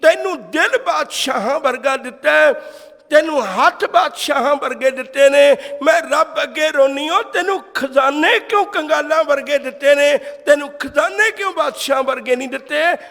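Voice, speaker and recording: A man's voice: very high-pitched, steady tone, normal speed, creaky, a bit bright, full character voice. A man quoting a poor, loving old grandmother in a tender, pleading way, in a hall. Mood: tearful prayer. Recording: long hall reverb.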